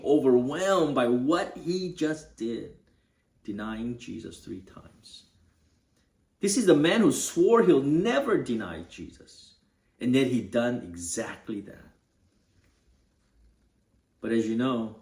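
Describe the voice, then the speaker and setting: A male pastor tells a scripture story in a slow, vivid sermon. He drops into hushed tones for the heaviest moments. His mid-range voice carries a roomy, echoing sound. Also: medium pitch. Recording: roomy echo.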